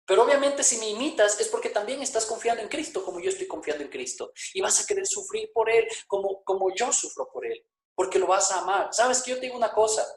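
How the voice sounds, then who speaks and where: High-voiced man preaching in an echoey church. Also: lively intonation, fast. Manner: emphatic, fires rhetorical questions at the congregation. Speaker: pastor. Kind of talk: sermon.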